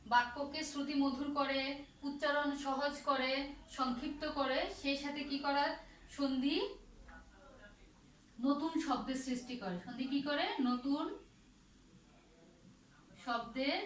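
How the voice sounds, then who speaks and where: A woman teaching a grammar lesson to students, speaking slowly and repeating key points, often asking a question and then answering it herself. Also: sits high, steady tone, fairly bright tone. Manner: slow, repetitive, asks and answers her own questions. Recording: roomy echo from far off, faint ambience.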